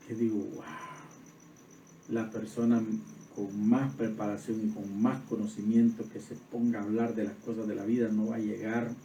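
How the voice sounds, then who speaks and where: A man's voice: fairly low pitch, slight background noise. Man preaching in an echoey room. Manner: preaching, rising to loud emphatic peaks. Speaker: pastor. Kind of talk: sermon. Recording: roomy echo, voice from far off.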